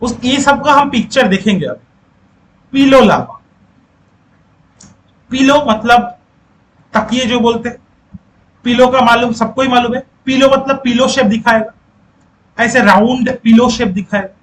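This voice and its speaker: A man's voice: very high-pitched, unhurried, pauses often, slight background noise, poor audio. A male teacher giving a lecture who repeats key points, quizzes the class and coaxes students to speak up.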